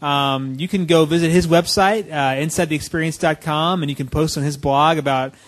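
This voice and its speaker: A man's voice: on the high side, fairly even intonation, moderate pace. A man co-hosting a comedy podcast, speaking casually and hesitantly with many fillers. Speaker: podcast co-host.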